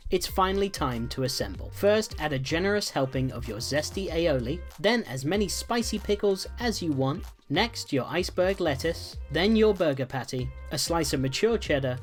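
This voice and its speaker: A man hosting a cooking vlog, walking through a burger recipe in calm voice-over and then tasting it on camera with loud, joking enthusiasm. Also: fairly high pitch, normal speed, hardly any pauses, faint music behind. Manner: energetic and jokey, exclaims while tasting; calm, steady instruction in voice-over. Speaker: cooking show host.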